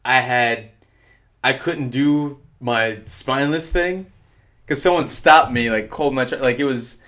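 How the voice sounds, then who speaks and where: A young man co-hosting a podcast, swearing and rambling loudly in casual chat. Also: medium pitch, unhurried. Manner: swearing, rambling, loud on purpose. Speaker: podcast co-host.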